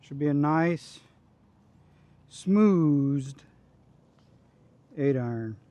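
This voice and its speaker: Casting: male amateur golfer, slightly higher-pitched, mellow voice, understated self-narrated golf commentary in clipped phrases. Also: lively intonation, extremely slow, no echo. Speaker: amateur golfer recording his own round. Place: outdoors on a golf course.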